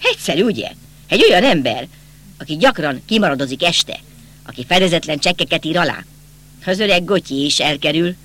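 A bitter, agitated young count, voiced by a man reading an audiobook presses and accuses in a bright, tense voice. His pitch leaps around with agitation. The speech is raised and insistent. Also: lively intonation.

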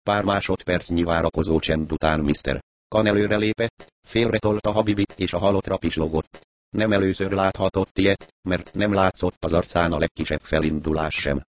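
A man narrating an audiobook in an even, measured way. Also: deep voice, dry recording.

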